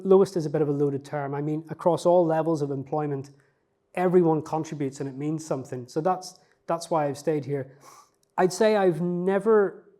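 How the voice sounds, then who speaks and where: A researcher with a fairly high-pitched, warm voice answers interview questions reflectively and self-effacingly, with frequent fillers and restarts. He is not from Newcastle.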